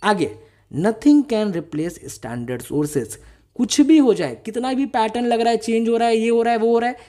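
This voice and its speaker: A man's voice: very high voice, fast talker, mellow. A man teaching exam preparation in a YouTube lecture, speaking emphatically, firing off rhetorical questions and mixing in English phrases.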